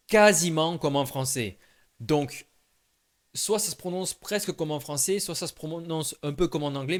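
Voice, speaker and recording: A man talks straight to the camera in a relaxed video lesson, repeating short sounds slowly so the listener can copy them. His tone is informal and encouraging, addressing the viewer one to one. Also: on the high side. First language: French. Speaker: Chinese language teacher.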